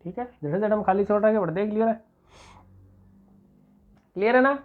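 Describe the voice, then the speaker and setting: Rajasthani man teaching, tinny lo-fi sound. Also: sits high. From Rajasthan, India. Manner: dictates slowly, checks understanding often. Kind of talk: exam-prep lesson. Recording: tinny phone-like recording.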